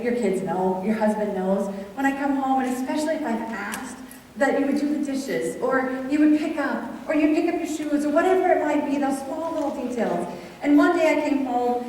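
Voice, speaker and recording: Woman speaker, middle-aged, animated storyteller; distant mic, long hall reverb, faint room noise. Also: on the high side. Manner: animated, chatty storytelling with audience questions. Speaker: speaker at a women's event. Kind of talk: conversational sermon with personal stories.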